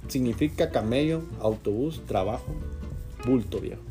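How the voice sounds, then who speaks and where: A man's voice: medium pitch, moderate pace, dark tone. Joking Guatemalan man with guitar music behind. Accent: Guatemalan Spanish. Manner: jokey, laughs often, addresses listeners. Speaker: podcast co-host. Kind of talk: casual chat.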